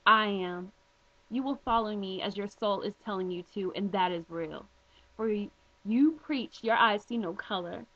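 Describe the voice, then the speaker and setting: A woman vlogging a direct-to-camera response, blunt and emphatic, posing pointed rhetorical questions. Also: medium pitch. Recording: dull lo-fi home video audio.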